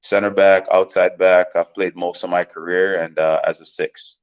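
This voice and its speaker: The guest is a Jamaican professional soccer player in his thirties, talking casually in an interview at a moderate pace. His voice sits very low, his relaxed storytelling wanders with lots of fillers and repetition, and the recording is somewhat dull and lo-fi.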